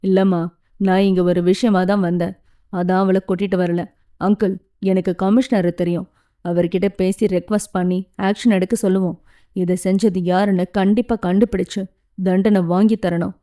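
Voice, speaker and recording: A woman's voice: mid-range voice, flat delivery, normal speed, mellow, natural voice. A woman reading the part of a friendly young man who teases and jokes. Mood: teasing. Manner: teasing, breezy.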